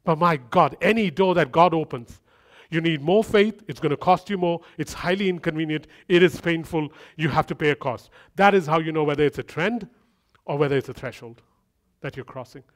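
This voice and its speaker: A man with a fairly high voice preaches a sermon at a fairly quick, relaxed and conversational clip. He adds humorous asides and builds his points through repeated phrases.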